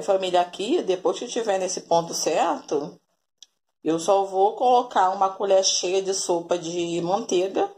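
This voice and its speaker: Holding her phone camera at arm's length, a Brazilian woman in her forties narrates a relaxed cooking vlog from her kitchen and later her yard, frequently addressing viewers as family. Her voice is medium in pitch and a little mellow.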